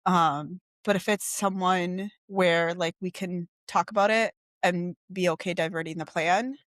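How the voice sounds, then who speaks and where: A young woman from Minnesota with a Minnesotan accent, co-hosting a podcast in casual chat, talking fast with lots of fillers and swearing freely. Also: lowish voice, steady tone, fairly bright tone, no room sound, clean studio sound. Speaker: podcast co-host.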